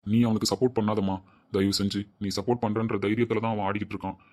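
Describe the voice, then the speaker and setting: Man doing a stern dad, scolding, low flat voice, rattles it off very fast. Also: natural voice. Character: stern middle-aged father, annoyed.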